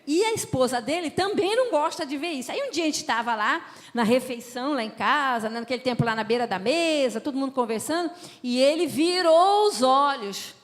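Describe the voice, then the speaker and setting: A woman telling family stories in an emphatic, lively preaching talk at a family conference. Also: high-pitched, brisk. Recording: long hall reverb.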